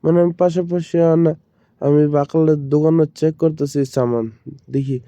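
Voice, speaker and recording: A man from Bangladesh with a slightly high-pitched voice, teaching words casually. He says each word more than once and explains it in plain terms. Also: steady tone, normal speed, dark tone, highs cut off. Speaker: language teacher. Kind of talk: casual vocabulary lesson.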